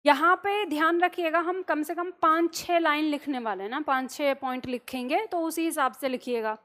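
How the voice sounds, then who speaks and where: A woman teaching an online class, explaining step by step, dictating notes slowly and asking the students questions she then answers herself. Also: sits high, fairly bright tone. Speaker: Hindi teacher.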